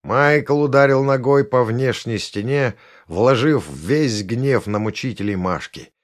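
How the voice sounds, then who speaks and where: A man narrating a fantasy story aloud in a lively reading, shifting his pitch for each character. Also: unhurried. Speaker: audiobook narrator. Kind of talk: scripted narration with character voices.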